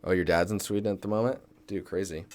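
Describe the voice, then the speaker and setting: Talking fast in a low, slightly mellow voice with fairly even intonation, a young Seattle man streams a casual tutorial at his desk. He's a game environment artist who chats with viewers, responding to chat and thinking out loud while working.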